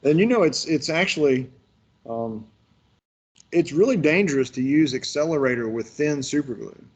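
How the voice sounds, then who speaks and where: A man's voice: fairly high pitch, expressive, normal speed, breathy edge, lo-fi sound. A man leading a workshop, telling folksy stories in a rambling way with lots of restarts. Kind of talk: casual virtual workshop instruction.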